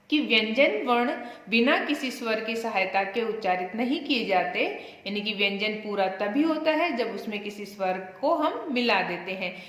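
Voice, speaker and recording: A woman's voice: on the high side, fairly bright tone. A woman teaching a class, explaining words patiently and asking her students questions. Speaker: Sanskrit teacher. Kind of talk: classroom lesson. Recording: echoey room with long reverb.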